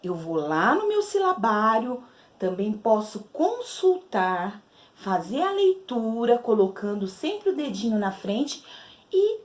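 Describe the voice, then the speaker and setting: A woman's voice: on the high side, a little mellow. A woman teacher with a Brazilian Portuguese accent, patiently explaining syllables to children step by step. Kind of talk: literacy lesson to children.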